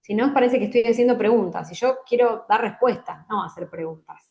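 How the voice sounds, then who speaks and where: Woman guest, higher pitch, didactic and measured, walks through examples. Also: dull audio. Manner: didactic, hesitant fillers, gives spoken examples. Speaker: guest on job interview communication. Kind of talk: explanatory interview talk.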